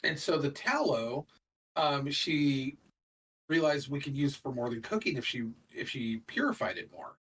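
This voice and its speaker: A man's voice: fairly high pitch, expressive, measured pace, fairly bright tone, breathy edge, recorded from a distance, low-quality recording. A middle-aged man co-hosting a podcast in casual chat, rambling with lots of fillers. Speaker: podcast co-host.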